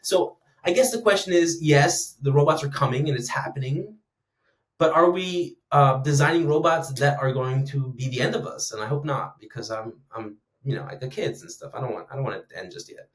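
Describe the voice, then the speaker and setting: A man in his thirties talking in an animated, rambling way, with many "like"s and restarts, in a casual podcast chat. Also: medium pitch, fairly quick. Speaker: guest speaker on conversation design.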